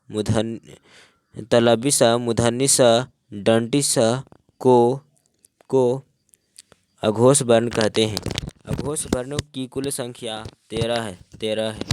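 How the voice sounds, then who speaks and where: A man's voice: mid-range voice, darkish tone, smooth, no room sound, clean studio sound. A male teacher giving a grammar lesson, saying each phrase twice as if for dictation.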